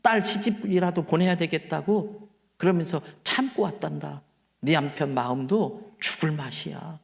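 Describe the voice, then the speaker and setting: A male preacher voicing God as a gentle, patient father, speaking softly and tenderly. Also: on the high side, moderate pace, vocal fry, in a large hall. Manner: soft, hushed and tender.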